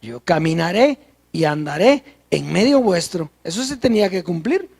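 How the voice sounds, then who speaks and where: A preacher teaching a sermon in a slow, deliberate way and posing rhetorical questions to the congregation. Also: mid-range voice, expressive, gravelly, darkish tone, husky.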